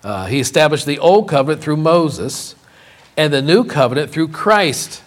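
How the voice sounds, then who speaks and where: A man teaching a Bible lesson in a conversational way, often checking in with "okay?" and slowing down to read scripture aloud. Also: a little high, lively intonation. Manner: frequent fillers and restarts, slows to read scripture.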